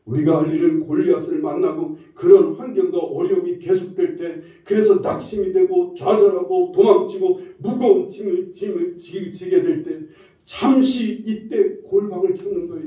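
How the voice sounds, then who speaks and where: A man preaching a Sunday sermon as the church's pastor, his delivery swelling and dropping, at times rising nearly to a shout. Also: sits high, moderate pace. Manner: preaching with frequent shifts in force, rising to near-shouts. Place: church sanctuary. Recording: roomy echo from a distance, dull lo-fi sound.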